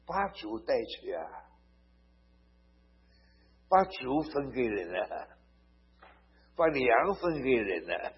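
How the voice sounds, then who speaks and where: A man preaching a sermon. He tells stories to make his points, turns emphatic and swells loud on key phrases, and often asks his listeners "好不好?". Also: mid-range voice, very animated, slow pace, long pauses, husky. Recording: dull lo-fi recording.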